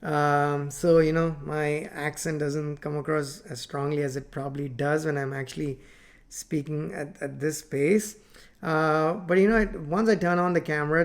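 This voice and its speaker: A software company founder in his forties, a native Tamil speaker who teaches coding, speaks unscripted to a webcam from his home office, where a plant and photos hang on the wall. With a fairly high pitch, he rambles about software work, gesturing and using many fillers and restarts.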